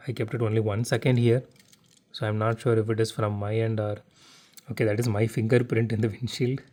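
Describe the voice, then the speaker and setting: A man hosting a casual model car unboxing vlog from his living room, talking haltingly with stutters and restarts. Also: mid-range voice, a little mellow. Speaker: diecast model car unboxing channel host. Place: home living room without air conditioning.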